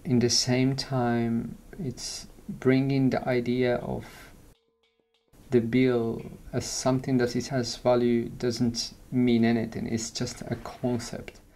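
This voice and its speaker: A man in his thirties from Morocco, an artist speaking slowly about his work and searching for words. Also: mid-range voice, monotone, mellow, roomy sound, far from the mic, poor audio. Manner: slow, halting, searching for words. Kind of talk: reflective interview voice-over.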